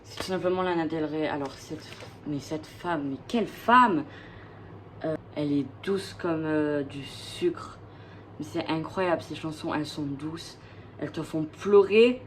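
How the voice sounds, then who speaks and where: A woman's voice: low voice, a little slow, slight background noise, rough recording. A woman vlogger chatting casually and gushing about her records, with many hesitations. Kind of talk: casual chat.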